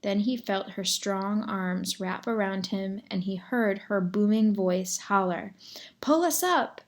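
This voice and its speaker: A woman reading a children's novel aloud as narrator, measured and expressive, sometimes addressing the reader directly. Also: mid-range voice.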